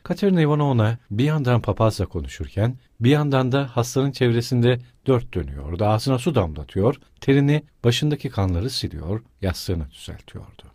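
A man reading a novel aloud as narrator, in a measured, dramatic way. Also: medium pitch, sing-song, mellow, dry recording, studio quality. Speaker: audiobook narrator. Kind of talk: scripted narration.

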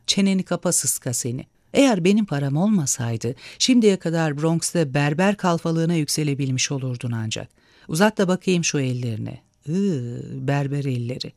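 A domineering old grande dame barks orders and heaps scorn in clipped, imperious bursts, put on by a male storyteller. The pitch swings widely, and the voice sits dry and close. It has the feel of a spoken storybook. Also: a little mellow, no echo, close to an everyday voice. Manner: scolding, commanding, scornful. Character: imperious, sharp-tongued rich old woman.

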